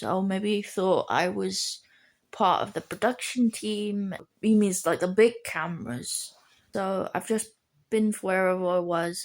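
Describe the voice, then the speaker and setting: A young woman casually telling a rambling, animated story, acting out other people's voices. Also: medium pitch.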